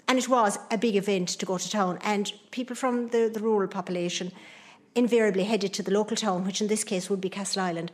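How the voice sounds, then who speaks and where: A middle-aged woman from rural Ireland talks in a medium-pitched voice with a Kerry accent. She reminisces in an easy conversational style, explaining old ways. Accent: Kerry Irish. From Ireland, County Kerry. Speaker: pub keeper and archaeologist. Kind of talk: conversational reminiscing about local traditions.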